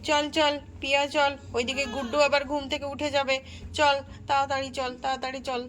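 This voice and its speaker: A woman voicing a busy, practical mother giving quick instructions in doll play. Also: high voice, flat delivery, a bit bright. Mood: brisk. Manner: brisk, instructing tone.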